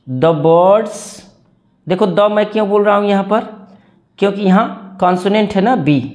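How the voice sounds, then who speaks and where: A man's voice: high voice, a little mellow. A man with an Indian accent teaching English reading word by word and having students repeat after him. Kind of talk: slow read-along English lesson in Hindi.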